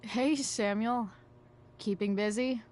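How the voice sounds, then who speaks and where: A woman's voice: on the high side, steady tone, takes it slowly, a little mellow. An actress voicing a guarded, rebellious teenage girl in a video game, slangy and dryly sarcastic, with hesitant phrasing. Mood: casual, hesitant.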